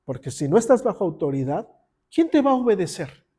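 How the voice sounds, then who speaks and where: A man's voice: sits high, sing-song, fairly quick, warm tone, slightly rough. A man preaching a sermon in a conversational way, speaking directly to his congregation.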